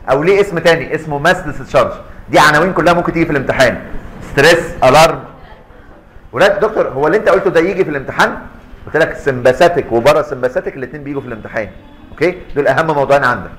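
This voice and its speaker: Fast-talking Egyptian lecturer, animated man. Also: on the high side, rough recording. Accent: Egyptian Arabic. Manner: animated, keeps quizzing students and acting out little scenes. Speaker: university physiology lecturer. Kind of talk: lively medical lecture to students. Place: lecture hall.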